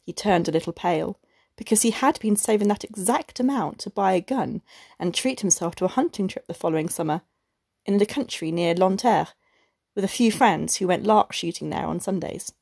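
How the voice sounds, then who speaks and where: Female narrator for a classic short story; measured and expressive, husky tone, dry. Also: fairly low pitch, no room sound. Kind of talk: scripted narration.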